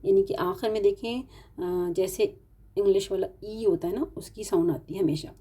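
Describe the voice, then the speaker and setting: This Pakistani woman, speaking with an Urdu accent, gives an online tajweed lesson on reciting the Quran. She has a mid-range voice, dark in tone with a breathy edge, and she stretches out example words as she patiently walks through each step.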